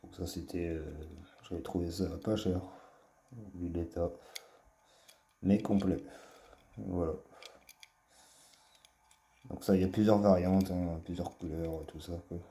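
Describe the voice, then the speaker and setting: A man's voice: sits low, fairly even intonation, measured pace, pauses often, dark tone. A man casually showing his collection in a vlog, talking hesitantly with many fillers and a fond tone. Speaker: collector presenting his finds. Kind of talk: casual show-and-tell vlog. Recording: echoey room.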